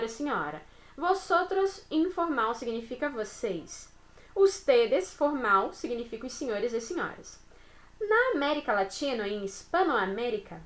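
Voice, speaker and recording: A woman's voice: on the high side, a bit bright. Chatty Brazilian woman teaching a class. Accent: Brazilian Portuguese. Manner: chatty, friendly, checks in with "né?" and "beleza?". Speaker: Spanish teacher. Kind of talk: recorded online class over slides.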